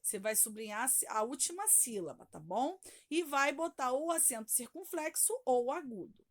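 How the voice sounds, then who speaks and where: A woman's voice: sits high, lively intonation. A Brazilian woman teacher patiently walking young pupils through homework, stretching key words and checking in often. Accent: Brazilian Portuguese. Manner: patient, drawn-out stressed words, checking in with "tá bom?". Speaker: primary school teacher. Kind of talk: recorded homework walkthrough.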